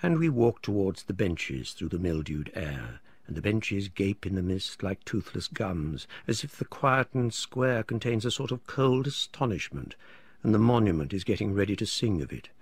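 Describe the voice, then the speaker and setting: Male narrator, husky voice, lowish pitch, lively intonation, dry close recording. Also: moderate pace, no echo. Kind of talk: literary audiobook narration.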